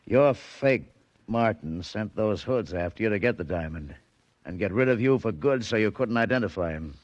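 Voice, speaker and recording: A gruff American police detective from an old radio show, played by a male actor, curt and sardonic. His voice is low, with a dry, close sound. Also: animated, moderate pace, no room sound, natural voice. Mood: brusque explaining. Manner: curt, sarcastic, clipped tough-cop talk. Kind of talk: 1940s radio drama acting.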